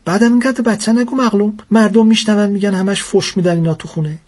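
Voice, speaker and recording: A man voicing a fussy middle-aged mother who coaxes and smooths things over in a comic story. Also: high-pitched, fairly even intonation, darkish tone, pitched above the performer's own voice. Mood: coaxing. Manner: coaxing, placating.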